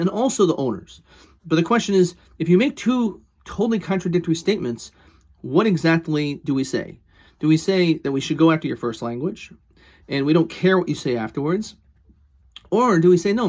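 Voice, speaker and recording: Male rabbi for a religious lesson: fairly high voice, questioning delivery, explains step by step with deliberate emphasis. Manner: questioning, posing rhetorical questions and answering them. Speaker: rabbi teaching a Talmud lesson.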